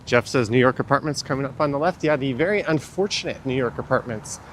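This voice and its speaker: A man with a medium-pitched, fairly bright voice talks fast as he walks a city street in winter, sniffling from the cold. He hosts a livestream with casual, opinionated commentary, and traffic and urban street noise come through clearly.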